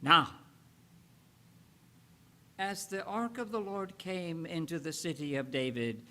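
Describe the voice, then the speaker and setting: Reading from the Bible, this man uses a high, bright and forceful voice. The reading is solemn and slow, its emphatic phrases broken up by many pauses.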